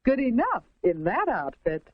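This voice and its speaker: An American woman narrates in the manner of a 1950s educational film, prim and instructive. Her pitch moves in a lively way over carefully enunciated phrases. The sound is a dry, slightly muffled vintage film soundtrack. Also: a little slow, breathy edge, dry recording.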